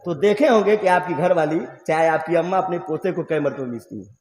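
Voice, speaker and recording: A man's voice: on the high side, fairly quick, a little mellow. A man with a Bhojpuri-influenced Hindi accent preaching an emotional sermon at a mosque gathering, telling stories and asking the crowd questions. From eastern Uttar Pradesh, India. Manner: emotional storytelling, asks the audience questions. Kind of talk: religious sermon at a public gathering. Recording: reverberant hall through a PA.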